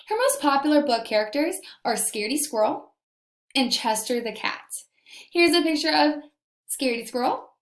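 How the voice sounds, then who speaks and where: A woman teacher reads aloud to young children, speaking to them directly and explaining things simply. She enunciates deliberately, and her voice is on the high side.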